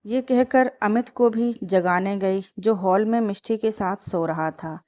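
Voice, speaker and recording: A woman narrating a family drama story in even, measured storytelling. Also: mid-range voice.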